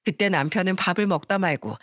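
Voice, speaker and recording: A woman narrating a scripted first-person family story in an even, confiding manner. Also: fairly low pitch, a little fast, dry recording, studio quality.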